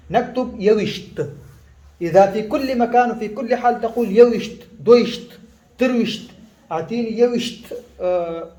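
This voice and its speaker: A man whose first language is Pashto teaches a casual lesson in a high, mellow voice, going slowly over each word. He's halting, with many fillers and restarts, and the room is echoey.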